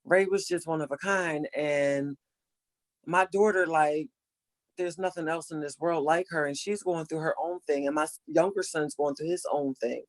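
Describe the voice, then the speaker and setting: An older woman in casual conversation, giving earnest, motherly advice and slowing down to stress her points. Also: deep voice, fairly even intonation, dry recording. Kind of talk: casual chat.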